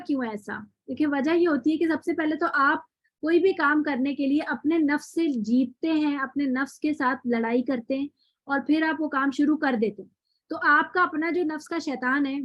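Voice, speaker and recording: A woman's voice: high voice, no room sound. A woman teaching Quran recitation in an online class, praising students and then giving a motivational talk. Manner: encouraging, praising then lecturing with questions. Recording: dry, dull lo-fi online call audio.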